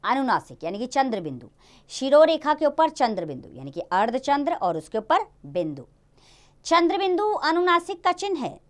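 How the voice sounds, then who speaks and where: Lively woman teaching young children. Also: high-pitched, normal speed. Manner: lively, sing-song teaching voice addressing children. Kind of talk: children's grammar lesson.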